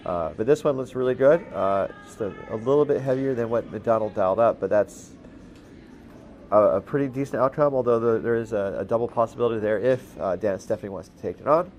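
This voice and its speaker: Low-voiced laid-back curling commentator man. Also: a little hiss or hum. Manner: relaxed, halting, many fillers and restarts. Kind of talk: play-by-play commentary.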